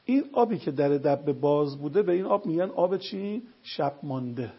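A man with a very raspy, gravelly voice gives household advice and keeps asking the listener questions. His pitch sits a little high. The recording sounds dull and lo-fi. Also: animated. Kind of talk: religious and practical advice talk.

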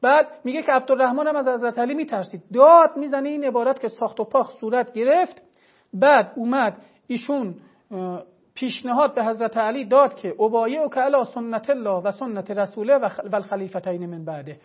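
Religious scholar type, man, argues hard and emphatically; muffled, low-fidelity broadcast sound. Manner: emphatic, argumentative, cites sources. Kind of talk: televised religious lecture.

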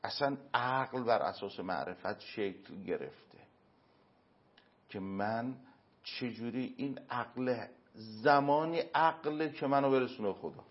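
A man answering as an interview guest, giving earnest moral and religious advice through everyday examples, with emphatic pauses. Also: medium pitch. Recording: dull lo-fi recording.

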